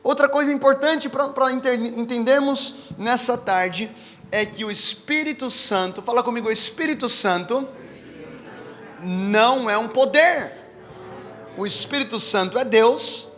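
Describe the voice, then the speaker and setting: A Brazilian man with a Brazilian Portuguese accent, preaching a sermon to a live audience, telling stories in a lively, chatty way and speaking straight to the crowd. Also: extremely high pitch, measured pace, long pauses. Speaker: pastor. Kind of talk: sermon with personal storytelling. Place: church hall with live audience. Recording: reverberant hall with faint music.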